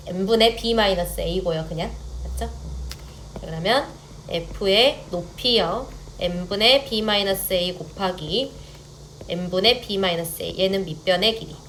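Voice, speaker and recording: A woman's voice: medium pitch, fairly bright tone. Young woman math tutor, patient and explanatory, often asks students to confirm, faint hiss behind her. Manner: checks in with students, mixes polite and casual speech. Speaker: math teacher. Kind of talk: online math lecture.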